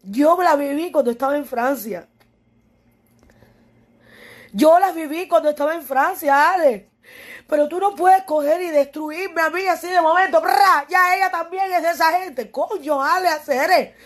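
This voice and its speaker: A woman's voice: extremely high pitch, measured pace. A young woman with a Cuban accent speaking tearfully and wearily, repeating herself with passion and cursing as she pleads with a critic. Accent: Cuban Spanish. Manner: impassioned, repetitive, profane, pleading. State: tearful and weary. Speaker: musician addressing a critic. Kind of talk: emotional direct-to-camera monologue.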